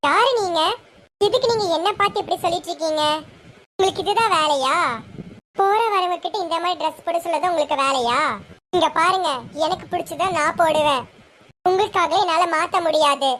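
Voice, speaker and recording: A woman's voice: extremely high pitch, a little fast, a bit bright, a little hiss or hum. A girl voicing a rude, defiant young woman who snaps back curtly, in an amateur serial role-play. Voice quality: curt, snappy.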